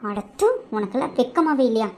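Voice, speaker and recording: A woman's voice: fairly high pitch, expressive, a little fast, slight background noise, lightly acted. A woman voicing a married young woman in a cartoon who scolds and pleads with an exasperated edge. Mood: angry. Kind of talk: cartoon voice acting.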